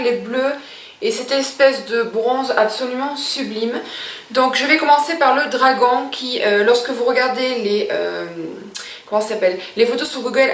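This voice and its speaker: A woman's voice: high-pitched, fairly bright tone, roomy sound, recorded from a distance. A woman beauty vlogger reviewing makeup in a chatty, gushing way, with many hesitations.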